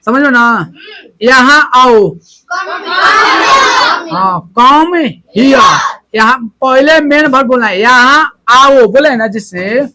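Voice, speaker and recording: A male teacher, teaching English to a classroom in loud, repetitive drills and often checking that students understand. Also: very high-pitched, slow pace, long pauses, a faint crowd, slight background noise.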